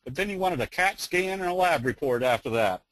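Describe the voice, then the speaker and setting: A man voicing a calm, matter-of-fact veterinarian in a told joke. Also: fairly high pitch, a little fast, no room sound. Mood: deadpan. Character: calm, deadpan male veterinarian.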